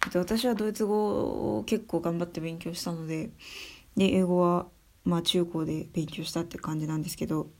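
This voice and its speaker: A young adult woman giving her views in a casual spoken monologue, soft and thinking aloud with many fillers. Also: lowish voice, fairly even intonation, fairly quick, creaky. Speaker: speaker sharing views on education.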